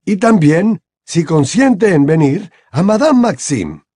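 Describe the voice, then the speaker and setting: A calm, commanding old headmaster of wizards, as the audiobook reader puts him on, raised high above a deep natural voice, husky, with a lively, swinging pitch. Every word is weighed and grave. The voice is dry and close, with no room around it. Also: male voice, no echo, heavily acted. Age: over 60. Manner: measured, deliberate, grave. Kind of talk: audiobook character voice.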